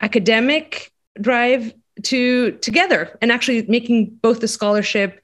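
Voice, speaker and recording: A woman's voice: on the high side, normal speed, a bit bright. A woman, speaking casually on a panel, with frequent fillers and restarts. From Greece. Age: 40s. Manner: conversational, many "you know" fillers and restarts. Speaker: panelist, center executive director. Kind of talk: panel discussion.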